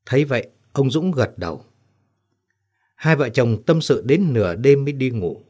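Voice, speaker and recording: A man narrating an audio story in a steady, measured way. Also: medium pitch.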